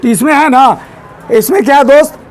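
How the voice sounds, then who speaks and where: A male teacher giving a grammar lesson in a classroom, drilling students with repeated questions and asking them to answer loudly. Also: very high voice, a little fast. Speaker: English teacher.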